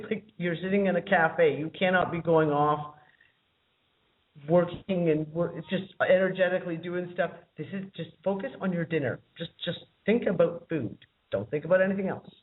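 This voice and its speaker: A woman calling in to a casual chat show and telling a rambling story with frequent chuckles. Her voice comes through a thin line that sounds like it is in a tunnel. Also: fairly low pitch. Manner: rambling, chuckling as she talks. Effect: thin phone-line audio that sounds like a tunnel. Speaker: regular panelist calling in. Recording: distant tinny call-in line.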